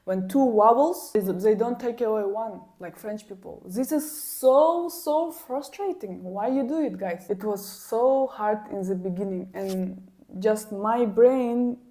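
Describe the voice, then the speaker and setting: A woman whose first language is Kyrgyz talks slowly at a medium pitch, casually telling personal stories to camera as a language vlogger. She comes across as animated and exasperated, repeating words for emphasis.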